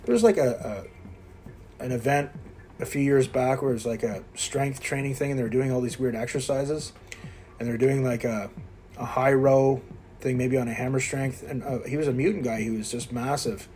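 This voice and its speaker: Working out at an indoor gym, a man in his fifties from Quebec, Canada offers casual, blunt and self-mocking coaching to his viewers. He speaks at a normal speed in a darkish, mid-range voice with fairly even intonation, against slight background noise.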